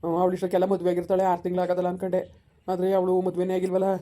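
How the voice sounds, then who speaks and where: Woman voicing a young village soldier son, soothing, rapid talk, mellow tone. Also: fairly low pitch, monotone, close to an everyday voice. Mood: consoling. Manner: soothing, consoling. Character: young male village soldier, earnest and gentle. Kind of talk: village family drama acting.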